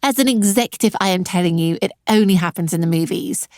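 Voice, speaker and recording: A woman's voice: on the low side, fast, a little mellow, dry recording, studio quality. Sarcastic, direct woman hosting a webinar. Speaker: webinar host and career coach. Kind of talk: presenting an online webinar.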